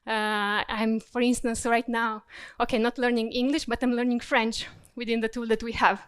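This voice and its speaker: Presenting at a business conference, a Croatian corporate learning specialist, a native Croatian speaker, explains things step by step in a steady way, pausing as she searches for words. Her slightly high voice is clear and smooth, recorded close and dry with almost no room sound.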